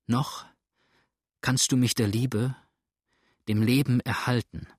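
Desperate fleeing judge, pleading and trembling, husky dry voice, read by a man. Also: mid-range voice, fairly even intonation, takes it slowly, no room sound.

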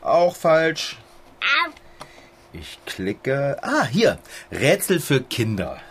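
Ein Mann spielt in einem komischen Hörspiel einen jungen Mann, der am Rechner nascht und neckend, selbstgefällig redet. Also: male voice, mid-range voice, big pitch swings, very slow, a little hiss or hum, exaggerated voice. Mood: smug. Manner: teasing, smug. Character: teasing young man snacking at his computer. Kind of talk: comic audio play.

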